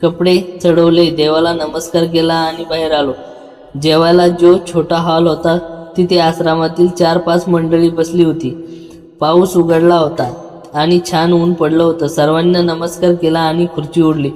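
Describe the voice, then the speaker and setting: A man narrating a first-person story in a calm, even storytelling manner. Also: a little high, normal speed. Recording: long hall reverb with soft background music.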